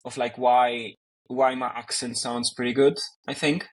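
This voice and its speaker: A native Greek speaker from Greece chats casually as an interview guest, using lots of fillers and restarts. His voice is medium-pitched, level and unhurried.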